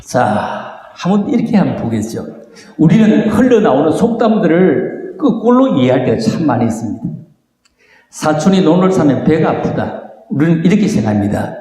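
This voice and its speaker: Older guy lecturing a crowd, highish voice that swings all over, keeps quizzing people, super echoey hall. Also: moderate pace. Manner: animated, quizzes the audience with questions. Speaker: lecturer at a gathering. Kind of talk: lecture to a live audience. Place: large meeting hall. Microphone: small microphone. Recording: very echoey hall with long reverb.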